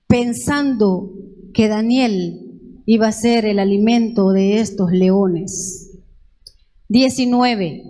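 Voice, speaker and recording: Slow, high-voiced woman preaching. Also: darkish tone. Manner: reads scripture aloud with asides and questions to the congregation. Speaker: church speaker. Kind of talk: slow Bible-reading sermon. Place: church.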